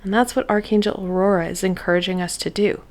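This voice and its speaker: A woman giving a spiritual oracle card reading to her viewers, talking in a gentle, encouraging way with thoughtful pauses. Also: mid-range voice, steady tone.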